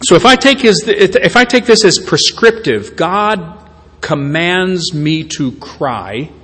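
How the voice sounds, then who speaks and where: A man's voice: high-pitched, expressive, slow pace, fairly bright tone, husky. A man preaching a sermon as a pastor, in a conversational way with stammered restarts and self-deprecating asides. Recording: long hall reverb.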